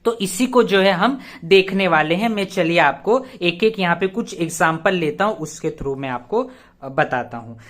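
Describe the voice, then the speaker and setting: A man's voice: high voice, animated, moderate pace, a bit bright. Sex: man. Role: grammar teacher. Style: casual explanatory lesson. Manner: keeps checking in with the viewer and asks himself rhetorical questions; spells English words out letter by letter. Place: teaching at a board he writes on.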